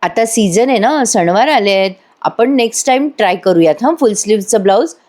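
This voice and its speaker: A woman's voice: medium pitch, lively intonation, a little fast, darkish tone, close to an everyday voice. A woman voicing a cheerful, teasing young sister-in-law in a spoken recap of a TV serial.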